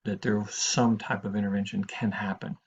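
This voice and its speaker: A middle-aged man with a fairly low, level, breathy voice teaches a crisis counseling class at a normal speed. He talks informally and rambles, full of fillers and restarts, sharing frank anecdotes. The classroom recording sounds dull and lo-fi.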